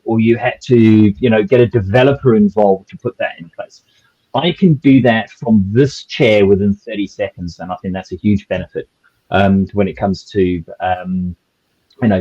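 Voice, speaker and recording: A man's voice: on the low side, mellow, slightly rough, lo-fi sound. A man with a South African accent speaking on a webinar panel, rambling with many restarts and fillers. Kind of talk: conversational webinar discussion.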